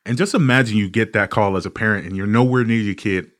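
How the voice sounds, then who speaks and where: Ranting profane man with low voice. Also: fast talker. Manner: profane, ranting, animated storytelling. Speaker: podcast host. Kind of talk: casual comedic podcast monologue.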